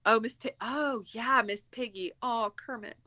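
A woman's voice: a little high, unhurried, bright, forceful tone, no room sound. A woman chatting casually as a guest, reacting expressively with little interjections. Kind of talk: casual chat.

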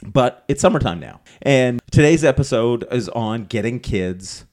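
A man's voice: mid-range voice, lively intonation, unhurried, darkish tone. A man hosting an outdoor adventure podcast in a casual, chatty way, laughing easily. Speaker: podcast host.

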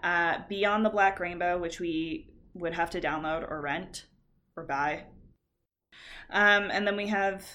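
Raspy young woman with vocal fry, lower-pitched. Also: steady tone, slow, pushed and bright. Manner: blunt, swearing freely. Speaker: podcast co-host. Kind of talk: casual chat.

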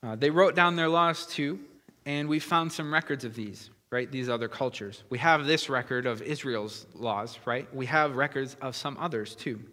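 A man's voice: mid-range voice, moderate pace, pushed and bright. A man preaching a conversational sermon, explaining earnestly with frequent fillers and restarts. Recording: long hall reverb.

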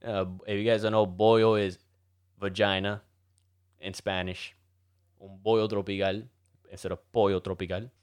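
A man's voice: lowish voice, little pitch movement, moderate pace, a little mellow, clear, resonant tone. A man with a Miami Cuban accent co-hosting a casual chat, joking and switching between English and Spanish. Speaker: podcast co-host.

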